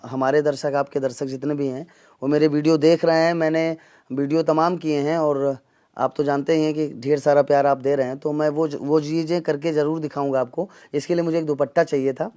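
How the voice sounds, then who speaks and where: Male comedian, earnest interview guest, a bit high-pitched. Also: level tone, brisk, warm tone. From Gonda region, northern India. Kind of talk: interview answers.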